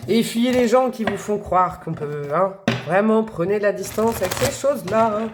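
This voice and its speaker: A woman's voice: mid-range voice, normal speed, background noise. A woman giving a casual tarot reading to her viewers, talking in a friendly, hesitant way with many fillers and restarts. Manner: friendly, addresses viewers directly. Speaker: tarot reader.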